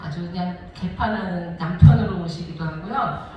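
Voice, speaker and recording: A woman in her forties, a missionary telling her testimony as a sermon, lively and laughing often as she tells the story. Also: fairly low pitch, normal speed, distant mic, noisy background. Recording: echoey hall, voice from afar.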